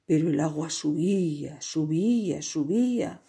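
A woman reading a children's story aloud in an expressive, playful way, with sound effects. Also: low-pitched, unhurried, vocal fry, breathy edge.

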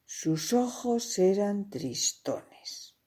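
Woman storyteller, children's tale, slow and breathy, lively rise and fall. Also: mid-range voice. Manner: expressive, slow and playful, with sound effects.

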